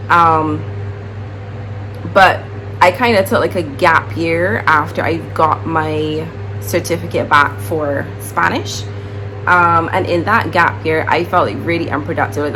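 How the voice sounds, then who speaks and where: A woman's voice: on the low side, noisy background. A Barbadian woman in her twenties, a teacher, chatting casually and rambling in a vlog with many fillers.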